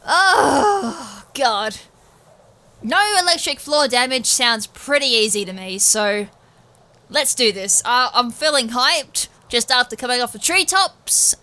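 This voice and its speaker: Bright, excitable Australian woman gamer. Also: a little high, takes it slowly. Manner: excitable, chatty, self-mocking. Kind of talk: let's play commentary.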